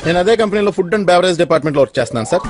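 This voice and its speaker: An actor playing a comic sidekick who protests and boasts under police questioning. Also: male voice, high voice, lively intonation, racing, faint music behind. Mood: nervous. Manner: bewildered, protesting, self-praising. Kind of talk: film comedy acting.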